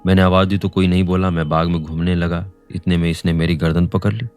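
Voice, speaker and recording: A hot-headed young man, as a male storyteller plays him, snapping out his words in a deep, low voice. Faint music plays softly behind him. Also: level tone, fast, smooth, close to an everyday voice. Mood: explaining. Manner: sharp scolding. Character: young man, hot-tempered then polite.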